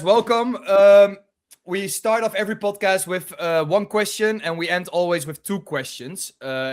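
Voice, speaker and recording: A man with a Dutch accent hosting a podcast interview, joking and laughing, with many fillers. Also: a little high. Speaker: podcast host. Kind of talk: casual interview chat.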